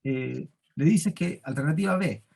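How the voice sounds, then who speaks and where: A man's voice: on the high side, a little slow, creaky, a little mellow, husky. Chilean man teaching a workshop. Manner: explanatory, keeps asking the class questions. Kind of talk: leadership class lecture.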